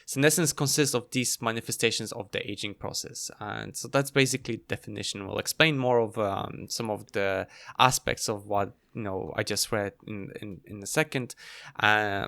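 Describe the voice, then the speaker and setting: A man co-hosting a podcast, explaining definitions he reads from notes, halting with fillers. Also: on the low side, gravelly, a bit bright, dry recording. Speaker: podcast co-host. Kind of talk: casual science discussion.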